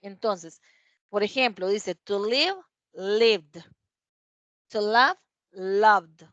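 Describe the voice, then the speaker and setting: Woman, English teacher, dry sound, slow careful examples. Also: medium pitch, fairly bright tone, no echo, highs cut off. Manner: reads English examples aloud slowly, checks with "¿verdad?". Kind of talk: classroom grammar explanation. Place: classroom.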